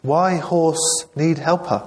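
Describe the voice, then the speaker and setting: A man's voice: fairly high pitch, steady tone, takes it slowly, very noisy, voice pushed up. Man voicing a resolute young woman in broken English. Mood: earnest. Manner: broken, clipped English phrases. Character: young Japanese woman speaking halting English, calm and resolute.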